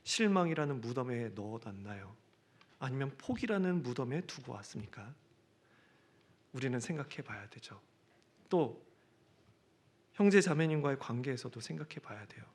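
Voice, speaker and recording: A man preaching a sermon in church, swinging from loud declarations to hushed, intimate asides. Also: medium pitch, animated, moderate pace, long pauses, slightly rough. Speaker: pastor.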